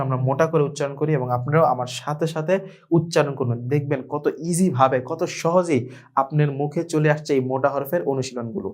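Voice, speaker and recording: A man's voice: mid-range voice, a little mellow. A man with a Bangladeshi Bengali accent teaching an online Quran reading lesson, patiently repeating letters and words for learners to echo.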